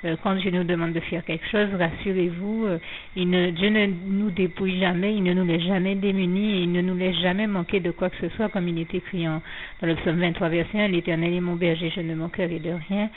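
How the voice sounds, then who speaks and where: In a steady tone, a woman with a somewhat low voice slowly relates her faith in an anonymous testimony. There is a slight frog in her throat, plenty of hesitation, fillers and restarts, and the audio is tinny and phone-like with a faint hiss behind it.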